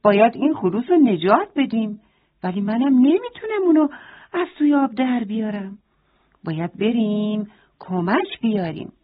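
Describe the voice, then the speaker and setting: A woman's voice: a little high, expressive. A woman voicing a worried male farmyard rooster in a children's bedtime story, crying out in alarm. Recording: tinny phone-like sound.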